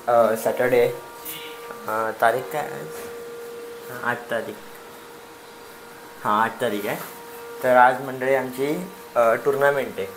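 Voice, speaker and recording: A young man with a Marathi accent chatting casually to his vlog camera, laughing often as he heads out. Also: mid-range voice. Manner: chatty, laughs often, gets louder and excited when riding with his friend. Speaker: vlogger. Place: outdoors, streets and cricket ground. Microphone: mounted camera while riding, handheld. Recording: noisy outdoor phone video.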